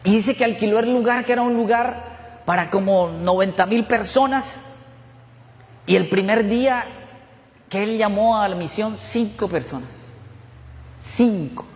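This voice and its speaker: A man preaches in a high, bright voice, telling a personal testimony. He repeats words and phrases for emotional weight. The sound carries a long church-hall reverb. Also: unhurried, long pauses. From Colombia. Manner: emotional, repetitive storytelling. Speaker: pastor. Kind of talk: testimonial sermon.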